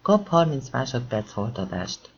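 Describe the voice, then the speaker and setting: A sharp-tongued female radio host, snappy and impatient, in a thriller audiobook, as a male narrator puts her on. The lines rise a little higher than the narration, on a slightly muffled lo-fi recording. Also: big pitch swings, vocal fry, a little hiss or hum.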